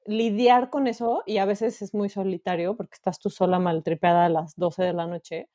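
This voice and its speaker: A woman's voice: medium pitch, fairly even intonation, moderate pace, dark tone. A Mexican woman in her thirties, co-hosting a podcast in candid, emotional casual chat, swearing freely. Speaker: podcast co-host.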